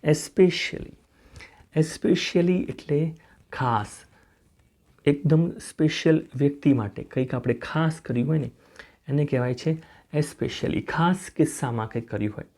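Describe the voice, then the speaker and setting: Speaking at a measured pace in a slightly mellow, higher-than-average voice, a man from India teaches spoken English. He spells each word out letter by letter, says its pronunciation more than once, and keeps asking the viewer "okay?" with a rising tone.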